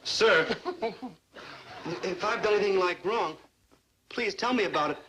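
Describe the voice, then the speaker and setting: An actor playing a naive, laid-back young beatnik in an old TV sitcom, talking in hip slang peppered with "like". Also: male voice, sits high, a little slow, sharp tone, rough recording. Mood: earnest. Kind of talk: 1950s-60s TV sitcom acting. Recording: old TV soundtrack with audience noise.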